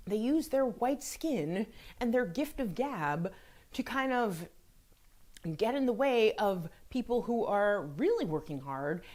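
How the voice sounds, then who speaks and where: Lively, blunt woman vlogger. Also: mid-range voice. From France. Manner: candid, chatty, blunt with swearing. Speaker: video blog host. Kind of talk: casual storytelling monologue.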